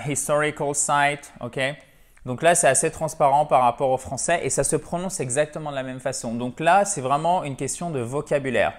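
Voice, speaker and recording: Chatty French teacher explaining English. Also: male voice, mid-range voice, a bit bright. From French-speaking. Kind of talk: online language lesson.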